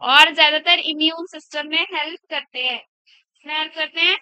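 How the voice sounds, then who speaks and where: A woman's voice: sits high, steady tone, moderate pace, bright, forceful tone, no room sound. A woman biology teacher lecturing in a classroom, asking the class questions and repeating their answers back, in a dull lo-fi recording. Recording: dull lo-fi sound.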